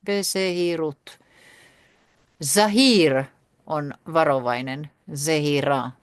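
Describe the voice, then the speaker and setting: A woman teaching a vocabulary lesson, saying each word slowly and more than once, with many fillers. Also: low voice, no room sound, studio quality. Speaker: language teacher.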